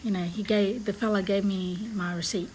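A woman's voice: mid-range voice, steady tone, normal speed, dark tone, a little hiss or hum, rough recording. Rambling woman telling a story. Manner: rambling, filler-heavy storytelling. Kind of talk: casual anecdote.

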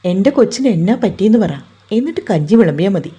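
A woman's voice: mid-range voice, animated, fast, warm tone, close to an everyday voice. Woman reading a teasing, bossy young fiancé. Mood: tender. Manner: teasing, coaxing, commanding.

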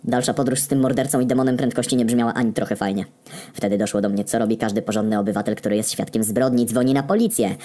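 A male narrator reads a comedic story at a brisk, rapid clip. His voice is dark and mellow, and his delivery stays deadpan and wry, peppered with coarse swearing. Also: mid-range voice.

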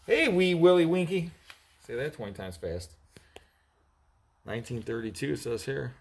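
A man's voice: mid-range voice, animated, moderate pace, gravelly. Man, 30s, auctioneer, casual chatty commentary, reads labels aloud, teasing, faint background noise. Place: indoor storage area with block walls.

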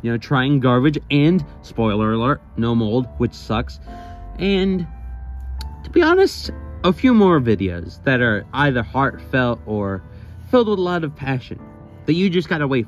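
A man's voice: medium pitch, animated, moderate pace, lo-fi sound, faint music behind. A young man chatting casually to his fans outdoors, shivering from the cold, rambling and joking at his own expense. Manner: rambling, self-mocking, jokey. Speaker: YouTube creator. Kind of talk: casual vlog greeting to fans.

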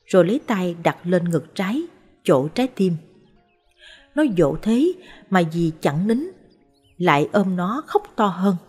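A woman narrating short life stories in a calm, measured, scripted way. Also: on the low side, breathy edge. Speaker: storyteller. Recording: soft background music.

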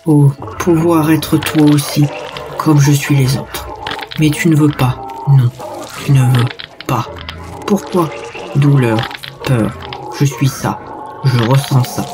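A man's voice: medium pitch, fairly even intonation, slow pace, pauses often, voice pushed up, close to an everyday voice. A man voicing a crazed boy being absorbed by a creature, chanting and pleading in strained whispers. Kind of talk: creepypasta narration. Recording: backed by loud music.

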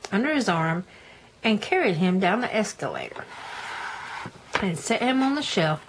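An older woman with a grandmotherly, folksy manner reads a children's story aloud and chats to the listener in homely asides. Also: mid-range voice. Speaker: storybook reader, a granny. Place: indoors, book held in front of camera. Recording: noticeable room noise.

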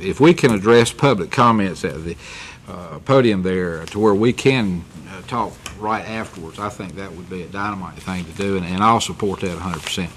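Candid commissioner, lowish voice. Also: male voice, fairly bright tone, slight background noise. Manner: candid, rambling, self-correcting storyteller. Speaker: county commissioner. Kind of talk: public meeting remarks. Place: meeting chamber.

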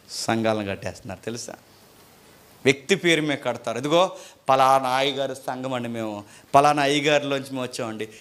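A male pastor preaching a sermon, moving between forceful shouted rebukes and low, mocking asides.

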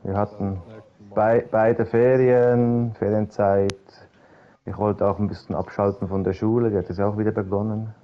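A man's voice: fairly low pitch, normal speed. A man organizing a game server event, chatting casually with fillers over voice chat while playing. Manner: relaxed, chatty, hesitant with fillers. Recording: dull lo-fi voice chat.

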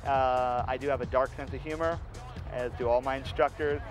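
A male fitness instructor talks through a TV news interview in a matter-of-fact, slightly dry way, dropping an occasional "uh." His voice sits at an ordinary mid pitch. Music plays clearly beneath him. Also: steady tone, moderate pace, low-quality recording. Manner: matter-of-fact, dry humor, some fillers. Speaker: boot camp lead instructor.

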